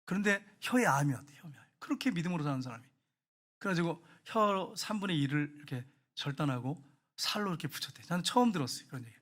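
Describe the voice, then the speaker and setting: Male pastor mid-sermon; high, quick voice; presses points to the congregation, drops low for anecdotes. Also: lively intonation. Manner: emphatic preaching, dropping to quiet storytelling; addresses the congregation directly, repeating points.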